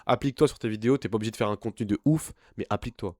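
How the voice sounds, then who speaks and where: A man's voice: lowish voice, very fast, a little mellow, no room sound, clean studio sound. A young man working as an online business coach gives an informal screen-share tutorial. He talks bluntly and pushily, straight at the viewer. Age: young adult.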